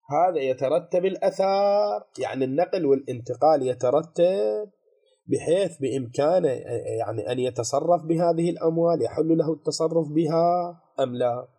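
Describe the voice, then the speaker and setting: A man with an Iraqi accent teaching a seminary lesson on a legal text. He explains step by step, asks rhetorical questions, repeats key phrases and reads quoted passages slowly. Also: a little high, dark tone, slightly rough. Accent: Iraqi Arabic. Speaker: religious law teacher.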